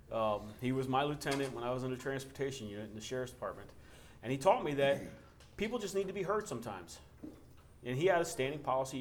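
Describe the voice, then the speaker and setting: A man preaching a relaxed, conversational sermon as pastor, telling personal stories and reading scripture with rising emphasis. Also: medium pitch, a little hiss or hum. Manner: candid, storytelling, reads scripture with rising emphasis.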